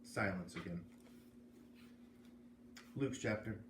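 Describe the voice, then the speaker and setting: Reading a children's novel aloud, an American man takes his time, his fairly low voice carrying a fairly bright tone. He acts as the storyteller and adds casual asides. The sound is echoey with slight background noise.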